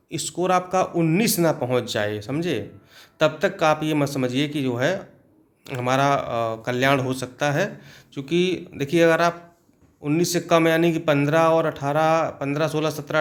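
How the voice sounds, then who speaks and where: A man teaching an exam-prep lesson in a fairly high voice. He works through each question steadily and keeps checking in with his listeners as he goes. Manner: explains step by step, often adds a checking "okay".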